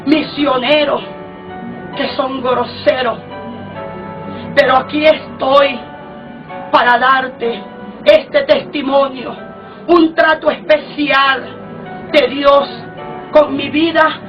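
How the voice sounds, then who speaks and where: A woman with a high voice preaches her testimony slowly, fervent and close to tears at times. She sounds distant from the microphone, muffled and dull, over soft background music. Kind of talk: emotional testimony sermon.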